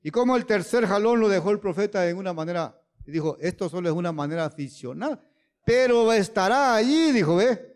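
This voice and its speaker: A man preaching a sermon who keeps asking his listeners "¿ve?" and "¿verdad?", moving between loud emphatic lines and low, quiet asides. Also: expressive, fairly quick.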